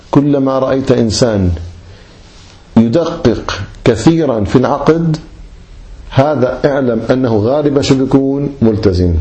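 A man's voice: medium pitch, dark tone. A man teaching Islamic law in a classroom lecture, calling his listeners brothers and asking and answering his own questions.

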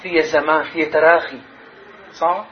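A man's voice: on the high side, fairly even intonation, moderate pace. A man teaching Arabic grammar and rhetoric in a classroom. He poses questions to his students and stretches out key words for emphasis. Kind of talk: classroom lesson. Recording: slightly dull sound, faint noise.

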